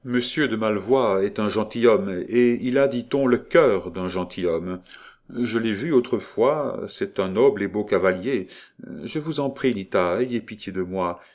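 A man reading an audiobook, voicing a jealous, brooding young nobleman in a soft, hushed, pleading voice. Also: on the low side, close to an everyday voice.

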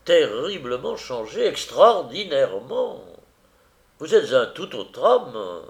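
A man reading aloud as an impatient, agitated middle-aged gentleman. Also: mid-range voice, very animated, takes it slowly. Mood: exasperated.

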